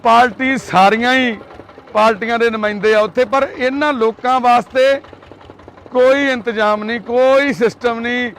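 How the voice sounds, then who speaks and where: High-voiced guy reporter out by a street, coaxing folks, then preaching to camera, faint traffic noise. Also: steady tone, normal speed, a bit bright. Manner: coaxing and pleading, then earnest social commentary. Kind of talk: street interview and commentary to camera.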